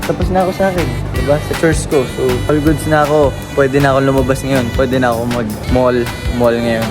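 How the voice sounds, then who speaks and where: A man's voice: mid-range voice, fairly even intonation, fairly quick. A young man vlogging casually from home, sleepy and stuffy with a cold, chatty and laughing between lines. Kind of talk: casual vlog chat. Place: home and shopping mall. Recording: echoey room with loud music.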